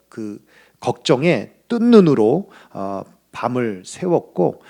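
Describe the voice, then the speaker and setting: A man pastor giving a Sunday sermon, earnest, building to emphatic peaks. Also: mid-range voice. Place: church.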